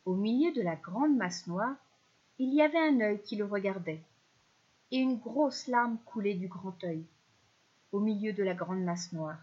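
A woman reading a children's story aloud in a gentle, expressive manner. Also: mid-range voice, a little slow, slightly rough, dull audio.

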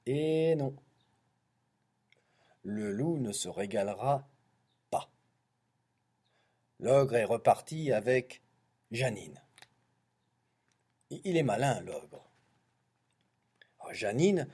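A man's voice: medium pitch, expressive, slow pace, pauses often, mellow, slightly rough. A man reading a children's story aloud, playful and full of teasing asides.

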